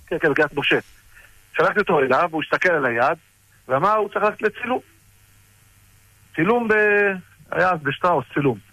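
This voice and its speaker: A middle-aged man casually recounting personal stories about his rabbi, halting with frequent restarts. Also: fairly high pitch, expressive, sharp tone, dry recording, poor audio. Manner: halting, with many restarts and fillers. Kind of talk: casual storytelling.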